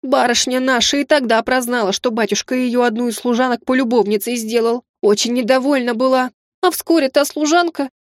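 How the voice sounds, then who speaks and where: A woman's voice: a little high, brisk, no echo, studio quality, close to an everyday voice. A woman reading an audiobook voices a sly, tearful middle-aged maid who speaks in a folksy, old-fashioned, plaintive way.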